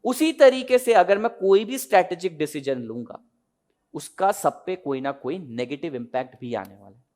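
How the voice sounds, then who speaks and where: A man's voice: sits high, animated, normal speed, a little mellow. A young man giving a classroom lecture as an exam tutor, explaining concepts with humorous everyday examples and frequent questions to students.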